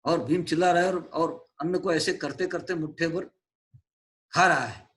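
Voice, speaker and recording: A man's voice: on the high side, moderate pace, fairly bright tone. A male teacher retelling and explaining a play's stage directions, glossing hard words in English. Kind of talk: explaining a play to a class.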